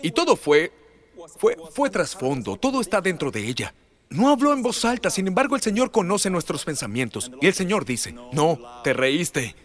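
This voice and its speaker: A middle-aged man preaching a sermon as pastor, animated and rising loud for emphasis. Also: sits high, moderate pace.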